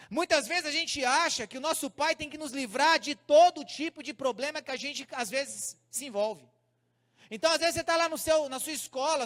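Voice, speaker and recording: A man's voice: very high voice, a bit bright. A male pastor with a Brazilian Portuguese accent preaching to young people, speaking straight to the crowd and telling stories. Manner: preaching to a crowd, addressing them directly, storytelling. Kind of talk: sermon to a youth congress. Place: large church hall. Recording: hall reverb.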